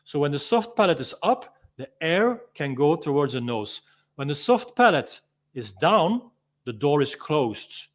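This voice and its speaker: A man's voice: a little high, sing-song, a little slow. A man teaching as a freediving instructor, patiently explaining step by step and demonstrating the sounds himself. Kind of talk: instructional walk-through.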